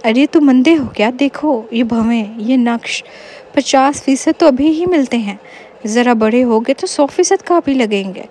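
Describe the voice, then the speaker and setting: A woman's voice: on the high side, mellow, natural voice. A woman voicing a cheeky, self-pitying young man in a storybook reading. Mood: teasing. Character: cheeky lonely young man, whiny joker.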